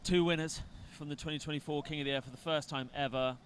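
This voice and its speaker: A man co-hosting a live outdoor event at night, bantering in a relaxed, easygoing way. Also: on the high side, quick pace, slight background noise. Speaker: event co-host.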